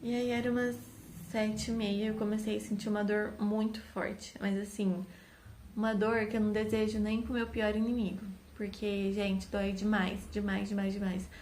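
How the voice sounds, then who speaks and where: A woman's voice: medium pitch, level tone, normal speed, a little mellow, slight background noise. Candid young woman telling a story. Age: young adult. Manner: candid, repeats words for emphasis. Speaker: vlogger. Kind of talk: casual storytelling to camera.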